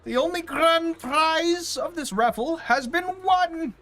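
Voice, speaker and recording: A man voicing a booming, excited raffle prize announcer in a video game, with drawn-out proclamations. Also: heavily acted. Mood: triumphant, congratulatory. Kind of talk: game character voice-over. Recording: music under the voice.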